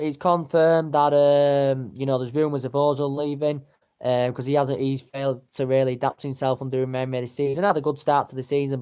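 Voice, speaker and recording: A man's voice: medium pitch, a little mellow, smooth. A man giving casual, rambling football transfer commentary, full of fillers and repeated words. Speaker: football transfer news vlogger.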